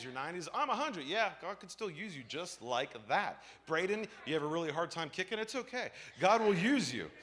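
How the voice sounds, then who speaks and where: Lively, bright-voiced male pastor. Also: a little high. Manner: animated storytelling, acts out voices, shouts and laughs. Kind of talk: lively sermon with personal stories.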